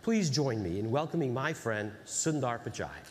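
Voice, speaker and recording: A man's voice: medium pitch, normal speed, very noisy. A middle-aged man speaking sincerely and gratefully as he opens a keynote on a large conference stage, using a lapel mic. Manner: grateful, sincere, lively intonation. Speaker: executive introducing the keynote. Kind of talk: keynote opening remarks. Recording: long hall reverb, faint crowd ambience.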